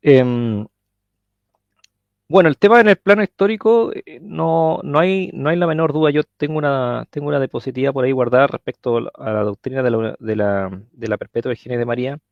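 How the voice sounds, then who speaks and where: Gravelly Chilean man, hesitant. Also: mid-range voice, fairly quick, no room sound, dull audio. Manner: hesitant, searching for words, many fillers. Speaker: guest speaker. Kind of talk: live-stream religious discussion.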